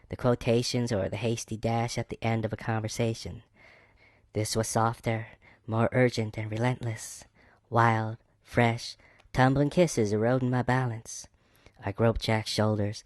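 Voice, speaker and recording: A man's voice: medium pitch, no room sound, close to an everyday voice. A man reading as a woman narrating a romance. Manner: slightly raised put-on woman's voice with a mock Texas accent. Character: woman narrating her own romance story. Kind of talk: reading a novel aloud.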